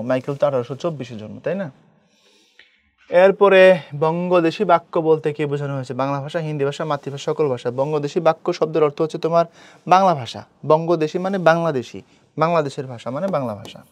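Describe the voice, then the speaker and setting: A man's voice: on the high side, no room sound. A young man, teaching an exam-prep lecture and often checking that listeners follow.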